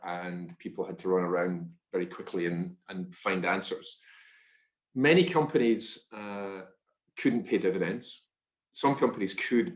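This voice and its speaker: A fund manager with a deep voice and a stuffy, congested nose gives a webinar to investors on a video call. He is chatty and self-deprecating, often saying um and starting over, and the audio is reverberant.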